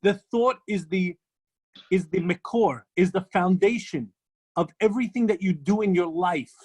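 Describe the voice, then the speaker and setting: A man's voice: high-pitched, normal speed, darkish tone, husky. A rabbi teaches an ethics class with emphatic, storytelling delivery. He leans on repeated phrases to drive each point home. He speaks from the pulpit in an unpolished, conversational way.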